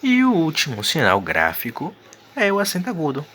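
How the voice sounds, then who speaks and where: A man's voice: on the high side, huge pitch swings, moderate pace, fairly bright tone, a little hiss or hum. A man teaching a recorded video lesson, explaining patiently and checking in often with his students. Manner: explanatory, repeats points with frequent "tá certo?".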